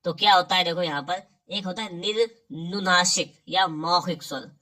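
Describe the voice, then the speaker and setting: Man teaching, bright voice a little distant. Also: sits high, moderate pace. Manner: quizzes the listener, repeats "ठीक है". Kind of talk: exam-prep lesson.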